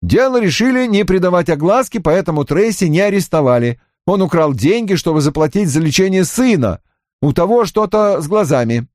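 A man's voice: sits high, expressive, brisk, darkish tone, no echo, clean studio sound, pitched above the performer's own voice. Man voicing a fussy, wordy young assistant. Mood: earnest. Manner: long-winded, over-formal reporting. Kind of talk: audiobook character voice.

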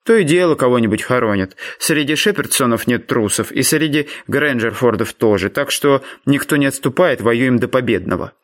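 A man's voice: medium pitch, expressive, normal speed, few pauses, lightly acted. Brash teenage boy, blunt and matter-of-fact, storybook feud tale, voiced by a male narrator.

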